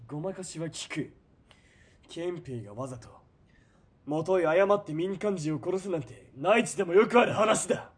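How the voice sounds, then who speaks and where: Voicing a greedy, ruthless military police commander for a period radio drama, a man has a high voice with a breathy edge and speaks at normal speed. He comes across as manic and menacing, domineering and sneering, going from cold murmurs to shouting.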